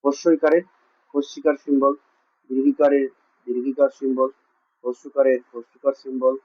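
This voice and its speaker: A man teaches a classroom lesson at normal speed in a mid-range voice that barely changes pitch. With a West Bengal Bengali accent, he asks questions and answers them himself, repeating heavily. The recording is muffled and lo-fi.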